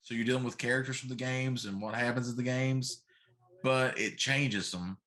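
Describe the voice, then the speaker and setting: Here a middle-aged man talks at a moderate pace, his medium-pitched, slightly bright voice staying fairly even. Co-hosting a casual show, he chats about pop culture with insistent, grumpy opinions and deliberate repetition.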